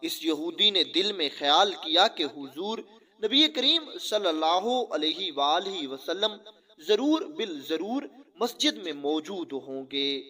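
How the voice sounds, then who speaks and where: A man narrates a religious story, reverent and earnest, with frequent honorifics. His voice is high and very lively, and it has a bright, forceful edge.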